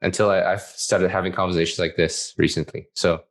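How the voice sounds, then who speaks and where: Male host from Malaysia, very low voice, hesitant and thoughtful. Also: level tone, brisk. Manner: hesitant, with restarts and fillers. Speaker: podcast host. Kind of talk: casual podcast interview.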